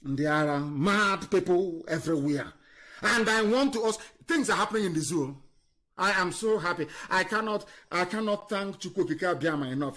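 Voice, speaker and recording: A man giving an impassioned political monologue on a live online stream, scornful and fiery, swinging between loud emphasis and low muttering. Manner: fiery, scornful, repetitive insults. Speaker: political broadcaster.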